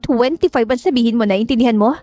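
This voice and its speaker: A manipulative mother gives curt orders, then softens them with coaxing, as a woman puts her on. The voice is fairly high. The recording is close and dry. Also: fast talker, no echo, faint music behind, natural voice. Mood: coaxing commands. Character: cold, scheming, chain-smoking mother.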